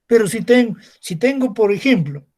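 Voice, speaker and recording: A man's voice: high-pitched, animated, normal speed, darkish tone. A male secondary school teacher giving a recorded class, explaining step by step and asking rhetorical questions to his students.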